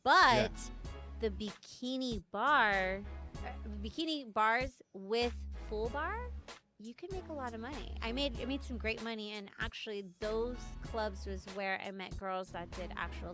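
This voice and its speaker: A woman's voice: medium pitch, normal speed. A woman in her thirties telling stories as a podcast guest, talking loosely and casually. She fills her speech with "like" and swears freely, and music plays underneath. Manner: chatty, peppered with "like", swearing. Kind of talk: casual interview storytelling.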